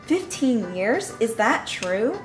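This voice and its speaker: A woman's voice: a little high, big pitch swings, takes it slowly, roomy sound, soft background music. A woman voicing a chirpy female TV field reporter, reading in an announcer style. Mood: announcing.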